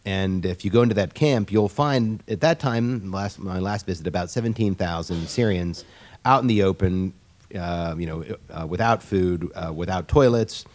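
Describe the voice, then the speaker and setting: On a discussion panel, a man with a notably low, darkish voice answers a question. His explanation comes haltingly, with frequent stops and restarts as he works through his points.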